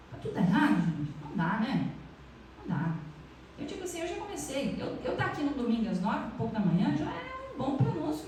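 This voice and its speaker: A woman's voice: fairly high pitch, darkish tone, slight background noise. A middle-aged Brazilian woman giving a spiritual lecture in a chatty way, often asking the audience questions. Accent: Brazilian Portuguese. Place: lecture hall of a spiritist center. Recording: echoey hall, mic far off.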